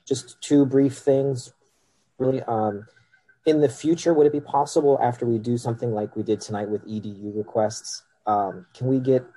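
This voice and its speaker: Council member, man, low husky voice, hesitant. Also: dark tone, rough recording. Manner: hesitant, many fillers. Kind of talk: meeting remarks.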